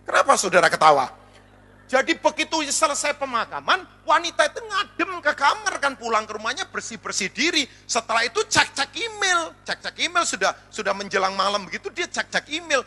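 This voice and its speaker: A man pastor preaching a sermon, telling funny stories in an animated way. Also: very high voice, fairly quick. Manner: animated storytelling with jokes.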